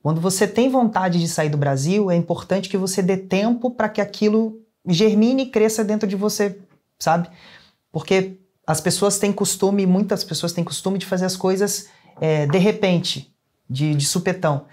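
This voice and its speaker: A young man with a Brazilian Portuguese accent speaks at a moderate pace in a high voice with a darkish tone. As an interview guest, he earnestly relates a personal story in casual talk.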